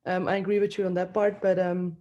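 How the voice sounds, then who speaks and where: A woman's voice: fairly low pitch, little pitch movement, a little fast, warm tone, highs cut off. A woman from Belgium, a student giving a hesitant debate rebuttal on a video call. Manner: hesitant, many fillers.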